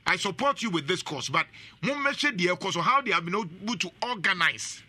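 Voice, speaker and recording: Bright-voiced man, animated host. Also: high voice, a little fast, husky. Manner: animated, laughs often. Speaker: talk show host. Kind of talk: casual commentary mixing Twi and English.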